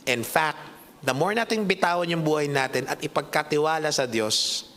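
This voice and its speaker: A man with a Filipino accent preaching a sermon as pastor, telling stories in an animated way and switching between English and Tagalog. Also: fairly high pitch, moderate pace, in a large hall. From Philippines. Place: church hall.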